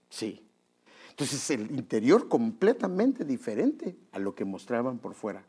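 With a slightly husky voice and widely swinging pitch, a pastor preaches straight to the congregation, calling them brothers. He's animated and conversational, acting out little scenes and putting on high voices for quotes.

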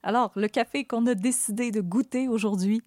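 A woman's voice: on the high side, a little fast, darkish tone, dry recording, clean studio sound. Chatty Québécois woman hosting a podcast. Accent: Québécois French. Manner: chatty, giggly. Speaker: podcast co-host. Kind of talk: casual podcast chat.

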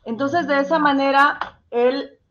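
A woman's voice: high-pitched, fairly even intonation, a little slow, muffled recording, heavy background noise. A woman speaking as an interview guest, explaining things conversationally and addressing the host directly.

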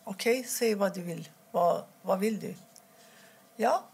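Gravelly husky-voiced woman telling her story. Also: medium pitch, darkish tone. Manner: halting, with restarts and quoted dialogue. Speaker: interviewee. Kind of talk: personal account in an interview.

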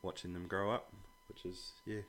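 This podcast guest, an Australian father, discusses his children in a laid-back, blokey chat with a bit of swearing. His low, fairly bright voice barely moves in pitch and runs at normal speed, with slight background noise.

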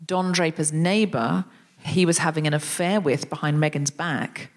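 A woman hosting a comedy podcast, chatting casually and telling stories with animated emphasis. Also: low-pitched, moderate pace.

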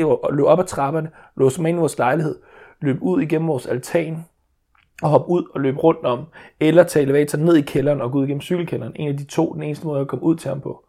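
A man's voice: on the high side, warm tone. A man, telling a story as a father in casual chat, rambling with many restarts and fillers.

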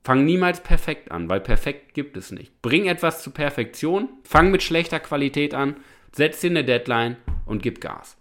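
Emphatic and animated, this motivational coach runs his podcast at a normal speed, constantly tossing a "ja?" to the listener. He has a slightly high, somewhat bright voice.

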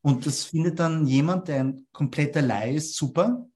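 A man's voice: on the high side, normal speed, mellow. A young man from Vienna, explaining copywriting ideas as an interview guest and checking in with a questioning "ja?" after his points. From Austria. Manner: tags statements with a questioning "ja?".

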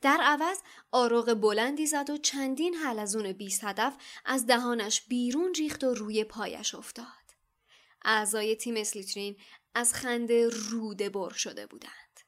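Woman reading a book chapter out loud, steady, slightly high voice. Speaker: podcast co-host reading aloud. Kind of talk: reading a novel passage aloud.

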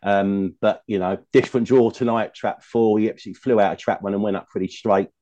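A male racing pundit talking fast and loosely about his picks, wandering into asides as he goes. His voice is low and mellow. The remote recording sounds dull and lo-fi. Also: fairly even intonation. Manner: chatty, rambling, full of asides. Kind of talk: casual betting chat.

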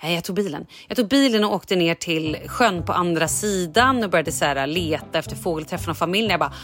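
Animated woman telling a story, faint music. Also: on the low side. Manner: animated storytelling, acting out her own lines. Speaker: podcast host. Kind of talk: casual chat.

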